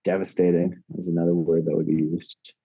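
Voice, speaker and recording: A man's voice: low voice, little pitch movement, a little fast, creaky, warm tone, husky, no echo, lo-fi sound. A man talking as a podcast guest in a casual, laid-back way, rambling a little and joking dryly. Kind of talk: casual chat.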